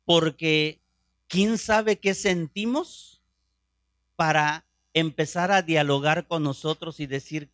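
A middle-aged man preaching a sermon, impassioned and fervent, dropping to hushed prayer tones and rising again. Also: fairly high pitch, dry recording, clean studio sound. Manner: drops to hushed prayer voice when quoting.

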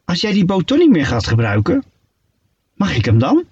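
A man's voice: sits high, wildly swooping pitch, moderate pace, darkish tone, breathy edge, voice pushed up, full character voice. A man voicing a cheerful, fibbing male seahorse in a storybook reading, chirpy and coaxing. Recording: dull lo-fi recording.

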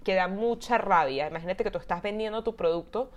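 A woman in her twenties with a Venezuelan Spanish accent, telling a story in casual chat, animated and exasperated, swearing freely. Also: medium pitch, a little fast, lo-fi sound. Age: 20s.

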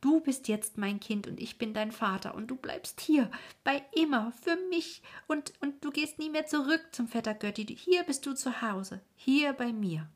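A woman voicing an overjoyed, kindly middle-aged carpenter who talks excitedly and breathlessly, in a storybook reading. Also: low-pitched, a little slow, gravelly, breathy edge, heavily acted.

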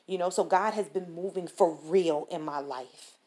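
A woman hosting a podcast, preaching informally with slang, her voice swinging between calm teaching and excited peaks. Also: fairly low pitch, normal speed. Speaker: podcast host.

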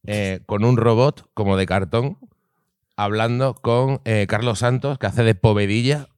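A man's voice: fairly low pitch, darkish tone, clean tone, dry recording, clean studio sound. A man with a Spain Spanish accent, co-hosting a comedy podcast, enthusiastic and sweary in casual chat at a table mic. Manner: enthusiastic, sweary, quick reactions. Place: at a table with microphones.

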